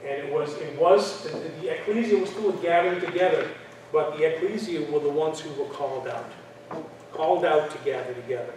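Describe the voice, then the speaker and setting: A man teaches a church class in a conversational lecture style, full of fillers and restarts. His voice is on the high side and a little mellow, his pace brisk, and he's recorded from far off in an echoey room with faint noise.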